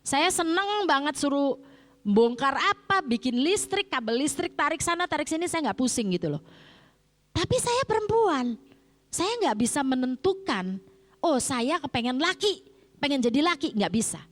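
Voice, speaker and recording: A middle-aged woman preaches in an easy, conversational tone, often posing a question and answering it right away. Her voice sits a little high. The sound rings out with the long reverb of a church hall. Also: big pitch swings, moderate pace. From Indonesia, grew up in Jakarta. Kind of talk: sermon. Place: church sanctuary.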